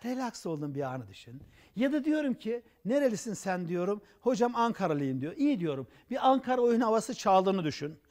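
A man with a strikingly high voice delivers a coaching monologue in a TV studio. He acts out little scenes as he talks and keeps firing rhetorical questions at the viewers. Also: a little fast. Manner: animated, acts out examples with gestures. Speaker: personal development coach. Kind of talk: TV talk show monologue.

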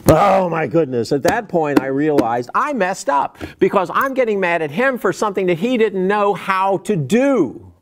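A middle-aged man giving a recorded Bible lesson to children in an animated storytelling way, acting out the quotes he tells. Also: high voice, normal speed, few pauses, noisy background.

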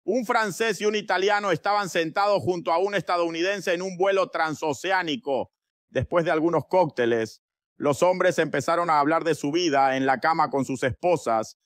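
A man narrating a string of animated jokes in a lively storytelling manner. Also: a little high, moderate pace, dry recording, studio quality, faint music behind. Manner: lively storyteller who switches into voices for characters. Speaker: joke narrator. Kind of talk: animated joke telling.

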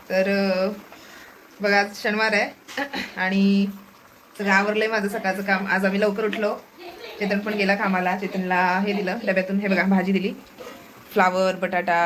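A woman's voice: mid-range voice, a bit bright. Woman, family vlogger, casual phone-recorded chat at home, faint background noise. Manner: chatty, addresses viewers as friends.

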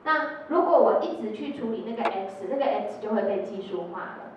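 In an echoey hall, captured in distant, lo-fi sound with a noisy background, a middle-aged educator with a Taiwanese Mandarin accent tells stories during a workshop lecture. Her medium-pitched voice is lively and fairly quick; she acts out the quoted lines and sprinkles in tag particles.

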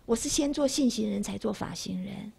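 A woman in her sixties from Taiwan, speaking, gives a lively Buddhist lecture in a classroom. She keeps asking her listeners rhetorical questions. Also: mid-range voice, brisk, gravelly, a little hiss or hum. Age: 60s.

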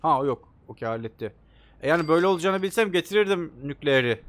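A young man playing a video game, commenting excitedly and joking as he talks to the characters on screen. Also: fairly high pitch, fast talker, slight background noise. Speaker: gaming YouTuber. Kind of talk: let's play commentary.

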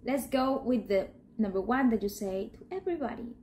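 A Colombian woman, a native Spanish speaker, teaching a Spanish lesson in English, modelling phrases slowly and cheering the learner on. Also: a little high, lively intonation, dark tone, a little hiss or hum. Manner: encouraging, slow and clear demonstrations. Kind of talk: interactive language lesson.

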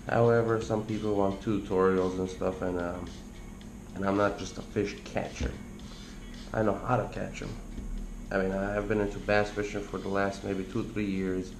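A man's voice: low voice, normal speed, gravelly. A man in his thirties hosting a fishing channel, rambling through a casual tutorial at his kitchen table, recorded on a camera set on the table. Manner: rambling, relaxed, explains as he goes. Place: indoors at a kitchen table by a window. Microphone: camera on the table close to him. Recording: echoey room with background noise.

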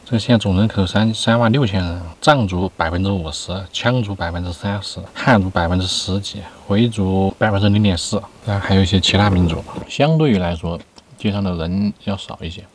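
A man's voice: deep voice, fairly quick, a little hiss or hum. A man in his thirties chatting casually to camera between bites while eating inside a car. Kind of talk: casual mukbang chat.

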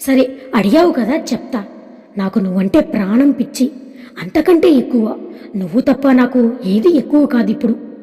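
A woman voicing a devoted young man who talks to his partner in a soft, affectionate, coaxing way, in a storybook reading. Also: very high-pitched, expressive, normal speed. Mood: tender. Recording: long hall reverb.

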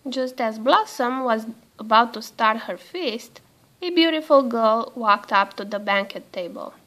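Slow and careful, a high-voiced female storybook reader tells a story aloud to young children. Her delivery is expressive.

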